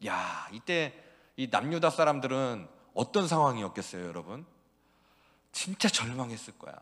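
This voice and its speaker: A man preaching a sermon to teenagers as youth pastor, animated and often asking his listeners questions. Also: medium pitch, normal speed. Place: church sanctuary. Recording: long church hall reverb.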